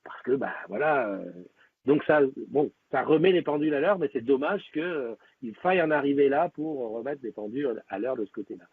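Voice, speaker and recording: Husky man chatting on a tinny stream. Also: mid-range voice, expressive, fairly quick. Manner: rambling, with many fillers and restarts. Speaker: live-stream host. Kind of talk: casual live-stream chat with viewers. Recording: tinny, lo-fi phone-like sound.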